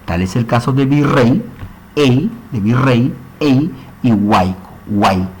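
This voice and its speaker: A man's voice: medium pitch, expressive, slow pace, a little hiss or hum, low-quality recording. A man teaching a recorded grammar lesson, explaining step by step and often checking in with short tag questions.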